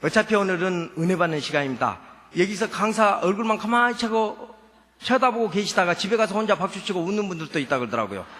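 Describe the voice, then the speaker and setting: A church elder with a thick Jeolla dialect accent tells his conversion story in a playful, storytelling way. His voice sits high and sounds bright and forceful. The sound carries a long reverb from a church hall. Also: expressive, fast. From Suncheon, South Jeolla, Korea. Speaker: church elder giving testimony. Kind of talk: humorous testimony at a church revival meeting.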